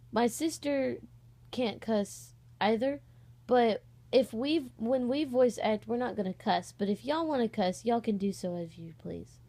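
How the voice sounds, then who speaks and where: A young woman with a medium-pitched, dark-toned voice chats casually in a rambling vlog, her thoughts scattered and easily sidetracked. She's an amateur voice actor and video host, recording indoors on her bed at home.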